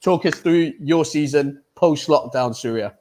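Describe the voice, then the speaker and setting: A man's voice: a little high, unhurried, darkish tone, a little hiss or hum. A man from the UK, hosting a casual online football chat show in a chatty, upbeat way with many fillers. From United Kingdom. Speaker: host and football pundit.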